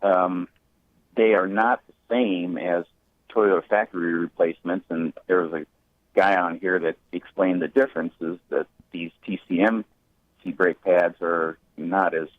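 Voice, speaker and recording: A man phones in to a radio show, his low voice thin and tinny through the phone line. He talks haltingly, with fillers and restarts, and the call sounds dry. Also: fairly even intonation, no room sound. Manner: hesitant, with many fillers and restarts. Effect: heard over a phone line. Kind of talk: calling in with a car question.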